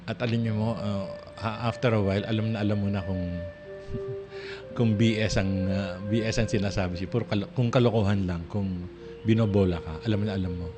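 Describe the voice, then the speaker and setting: A male radio host talks in a loose, rambling way, often restarting his sentences and laughing softly. His voice sits a little low. Music plays clearly under him throughout the broadcast. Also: steady tone, normal speed. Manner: rambling and conversational, with frequent restarts and soft laughs. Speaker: radio talk show host. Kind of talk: casual on-air monologue. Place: radio studio.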